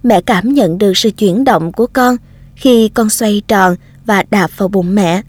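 A woman's voice: medium pitch, unhurried, breathy edge, no echo. A woman voicing a loving young mother writing tender letters to her baby. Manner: tender, softly reading out letters.

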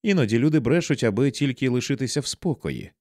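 A man's voice: medium pitch, lively intonation, fast talker, no room sound, voice pushed up, natural voice. A man voicing an anxious, angry wife who speaks sharply and close to tears. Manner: sharp, tearful, pleading. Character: anxious, angry wife confronting her husband.

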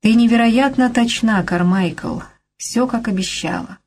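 A woman reading a calm, steady male reporter. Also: a little high, measured pace, pitched above the performer's own voice. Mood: tender. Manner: calm, businesslike. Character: calm, determined male TV journalist.

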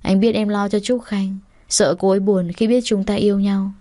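A woman's voice: mid-range voice, little pitch movement, normal speed, warm tone, natural voice. A woman reader voicing a doting young man who coaxes and soothes his girlfriend as if comforting a child. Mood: soothing. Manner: coaxing, soothing like talking to a child.

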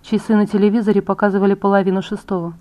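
A woman reading a novel aloud in the first person, with measured, even storytelling. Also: medium pitch, dull audio. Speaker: audiobook reader. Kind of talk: first-person scripted narration.

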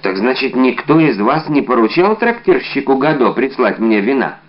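A man's voice: mid-range voice, big pitch swings, normal speed, dull audio, pitched above the performer's own voice, natural voice. A man voicing a young hot-headed musketeer hero who speaks urgently and earnestly to his friends. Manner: urgent, commanding.

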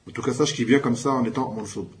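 A man teaching a classroom Arabic lesson in French, calling out each new word louder and then slowly explaining it. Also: mid-range voice.

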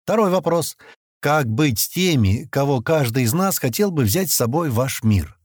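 Brief: man voicing a clever young guy, polite, measured, businesslike, slightly raised pitch, dry recording. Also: expressive, darkish tone, no echo. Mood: calm. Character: sharp, polite young man asking questions.

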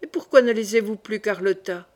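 A woman reading the lines of a cold, imperious aging queen mother, calm and dismissive. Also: mid-range voice, brisk, close to an everyday voice. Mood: commanding.

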